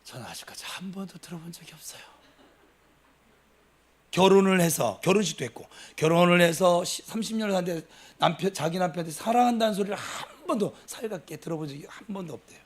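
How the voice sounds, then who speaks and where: A middle-aged man from Gimcheon, preaching a sermon at a Wednesday prayer service, swinging between loud emphasis and soft asides as he talks with the congregation. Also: sits high, animated, fast talker. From Gimcheon, Gyeongsang province. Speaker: pastor.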